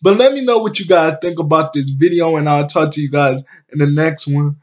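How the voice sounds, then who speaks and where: A man's voice: a little high, highs cut off. A man casually recapping a TV episode, rambling with restarts and slang as he retells scenes. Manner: rambling retelling with many restarts and "he was like" quotes; slow-paced, colloquial, relaxed slang.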